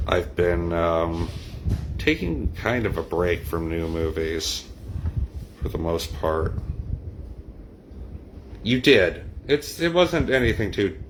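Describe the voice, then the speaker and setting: Deep-voiced rambling middle-aged man. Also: fairly bright tone, slight background noise. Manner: rambling, discursive. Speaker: livestream host and poet. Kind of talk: casual chat with live viewers.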